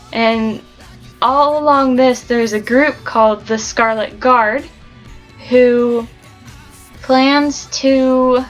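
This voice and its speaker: A woman's voice: on the high side, poor audio. A woman talking casually about a book she loves, gushing and ranting with plenty of fillers. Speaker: book vlogger. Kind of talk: casual book review chat.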